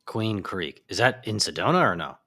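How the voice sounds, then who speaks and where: A man talking as a podcast guest in a casual conversation, lively and enthusiastic, with animated asides. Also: fairly low pitch, moderate pace, slightly rough.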